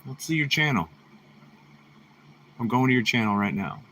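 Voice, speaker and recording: A man's voice: mid-range voice, big pitch swings, normal speed, bright, forceful tone, a little hiss or hum. A man with a laid-back frat bro way of talking, chatting casually with viewers on a livestream while he works on art. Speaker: artist livestreaming while drawing.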